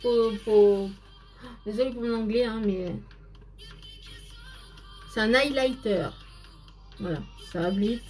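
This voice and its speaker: A woman's voice: fairly high pitch, slow pace, pauses often, a little mellow, soft background music. A woman hosting a casual live makeup stream, chatting to viewers by name and explaining each step as she goes.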